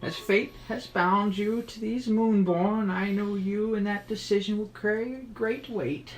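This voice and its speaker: A man voicing a very old male soothsayer who speaks slowly in cryptic riddles. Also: sits high, steady tone, a little hiss or hum, pitched above the performer's own voice, poor audio. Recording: music playing behind.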